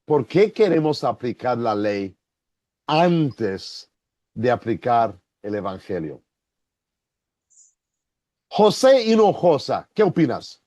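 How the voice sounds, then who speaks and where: A man who is a pastor, teaching an online Bible class slowly and deliberately, acting out little examples as he goes. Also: no room sound. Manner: slow, deliberate teaching with lively pitch and acted-out examples.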